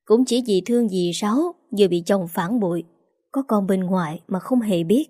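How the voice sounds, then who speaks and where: A woman's voice: mid-range voice, warm tone, no room sound, clean studio sound, close to an everyday voice. A woman voicing an angry older husband. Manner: hissing anger, rapid. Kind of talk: storybook reading.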